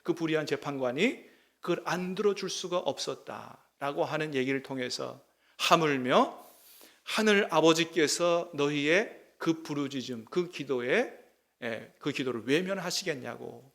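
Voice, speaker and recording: High, gravelly Korean pastor preaching. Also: male voice, expressive, normal speed, fairly bright tone. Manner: emphatic, questions the congregation. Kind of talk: sermon.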